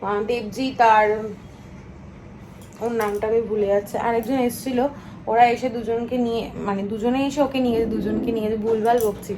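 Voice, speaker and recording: Tired woman, home vlog, high voice, echoey room, mic far off, background noise. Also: fairly even intonation, a little fast. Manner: chatty, complaining about chores and lack of sleep. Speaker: family vlogger. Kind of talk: casual home vlog chat.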